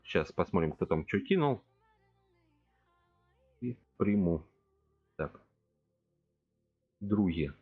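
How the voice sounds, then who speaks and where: Casting: a man in his forties, low voice, laid-back game streamer, dull dry home mic. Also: husky, no echo. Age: 40s. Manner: relaxed thinking aloud, addressing chat directly. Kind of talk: casual gameplay chat with viewers. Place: home room at a computer.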